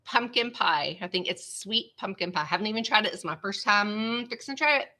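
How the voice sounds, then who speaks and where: Speaking at medium pitch and a fairly quick pace, this vlogger has a bright, forceful tone and a congested, stuffy nose. She rambles chattily to live-stream viewers from her computer at home, saying "y'all" a lot, recorded through a small webcam.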